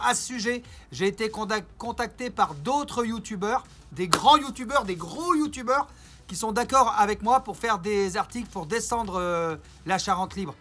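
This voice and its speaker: A man's voice: high-pitched, pushed and bright. A man ranting in a casual vlog, mocking and rambling, with theatrical asides to his viewers. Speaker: YouTuber.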